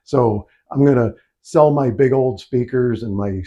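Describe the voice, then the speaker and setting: An American man, a video host and DIY speaker builder, runs a casual, unscripted vlog from a small home office, rambling informally with plenty of conversational asides. His mid-range voice is warm and unhurried, and the sound is lo-fi.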